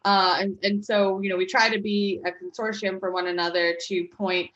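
A woman's voice: mid-range voice, level tone, moderate pace, a bit bright, echoey room, muffled recording. A woman in her thirties from Connecticut, a guest talking about her market project in a chatty interview, with lots of fillers and restarts. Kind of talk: conversational interview.

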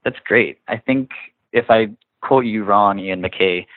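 A man with a fairly low voice speaks slowly in a casual interview, talking informally and often acting out imagined quotes to make his point. The recording sounds like a narrow phone line with room echo.

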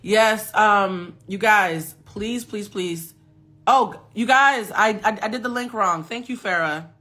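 A self-mastery coach in her forties hosts a casual live stream on her phone, speaking slowly in a mid-range, bright, forceful voice. She talks emphatically to viewers and reads their comments aloud.

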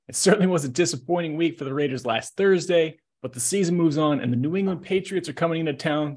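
Fast-talking male sports podcast host. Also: a little high. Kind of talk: casual interview.

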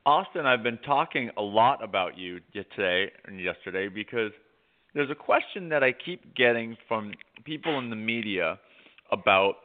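An American man co-hosting a casual talk show, halting at times and repeating words for emphasis. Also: lowish voice, lively intonation. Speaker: co-host, journalist. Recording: tinny phone-like line.

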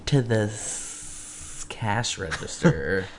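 A young man co-hosting a podcast chats casually, laid-back and rambling, laughing often. His voice is on the low side and expressive, his pace very slow, with a little hiss or hum in the recording.

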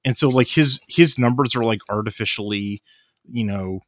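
A man's voice: mid-range voice, normal speed, a bit bright, no echo. A man with a tired voice talks sports on a podcast, rambling along with plenty of filler words. He sounds exasperated, and his voice sits in the middle range. The recording is close and dry. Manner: rambling, exasperated, heavy use of "like". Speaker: podcast host. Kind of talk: casual sports chat.

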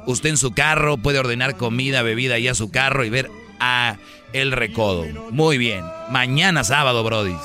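A man's voice: mid-range voice, normal speed, over music. A man co-hosting a radio show, making friendly announcements and bantering with his partners. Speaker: radio co-host.

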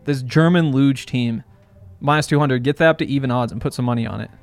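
A man's voice: medium pitch, quick pace, clean tone, dry recording, faint music behind. A man co-hosting a sports betting show in casual, bantering chat.

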